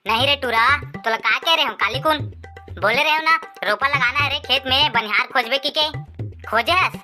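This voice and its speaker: A woman voicing a sharp-tongued village mother in a cartoon, scolding her son with a Chhattisgarhi accent. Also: high-pitched, moderate pace, soft background music. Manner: scolding, threatening.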